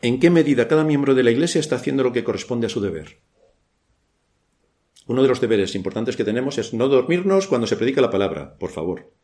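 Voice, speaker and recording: A man's voice: mid-range voice, lively intonation, fast talker, darkish tone. A man from Spain with a Spanish accent preaching a church sermon, asking rhetorical questions and adding dry ironic asides.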